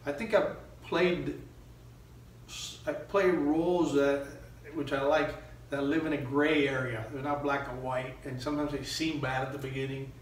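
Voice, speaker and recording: A middle-aged man from Miami, United States, speaks haltingly and conversationally as an interview guest in a small indoor room. He has a medium pitch and fairly even intonation, captured from a distance in a very echoey recording with faint noise.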